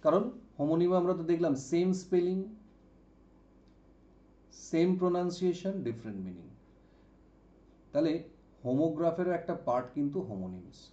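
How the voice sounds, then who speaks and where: A man with a fairly high but mellow voice explains vocabulary, repeating each example word and asking whether his students follow. The sound is dull and carries room echo. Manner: explains slowly, repeats words and asks "ok?". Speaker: English vocabulary teacher. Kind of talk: exam-prep lesson.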